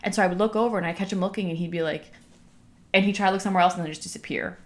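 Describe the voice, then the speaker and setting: A woman's voice: fairly low pitch, very fast. A young woman telling a personal story casually and candidly, breathing heavily and out of breath, with lots of "like" as filler. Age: young adult. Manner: chatty, filler-heavy with frequent "like". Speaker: vlogger speaking to followers.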